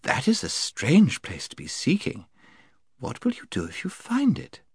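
A sweet-voiced enchantress in green, put on by a man reading aloud, rolling her r's in a lilting, courtly way. Her voice swoops up high and floats, recorded close and dry. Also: huge pitch swings, unhurried, breathy edge, no echo, exaggerated voice. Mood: honeyed.

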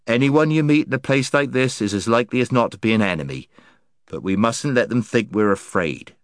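A man's voice: mid-range voice, animated, fairly quick, no echo, studio quality, close to an everyday voice. A man voicing a solemn, guarded old guide who speaks stiffly and warily. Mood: wary. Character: gloomy wary marsh-wiggle guide, stiff.

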